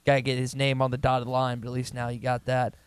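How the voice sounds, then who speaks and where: Male radio co-host, smooth voice, dry close sound, chatty. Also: medium pitch, completely flat delivery, fast, no room sound. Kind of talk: casual sports talk.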